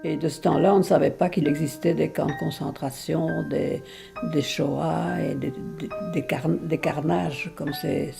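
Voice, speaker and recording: A great-grandmother in her nineties from Belgium, telling her life story to a baby in a halting, emotional way with many restarts. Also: low-pitched, fairly even intonation, gravelly, over music. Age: over 90. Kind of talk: intimate spoken memoir.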